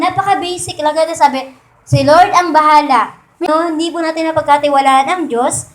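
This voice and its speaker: A woman from the Philippines preaching a sermon in a chatty way, often asking her listeners "di ba?" and acting out quotes. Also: sits high. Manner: conversational, asks "di ba?" often, acts out quotes.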